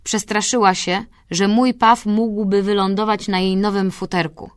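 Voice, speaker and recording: A woman's voice: medium pitch, level tone, normal speed, clean tone, no echo, studio quality. A woman narrating a novel in the first person in an intimate, confessional manner. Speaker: audiobook narrator.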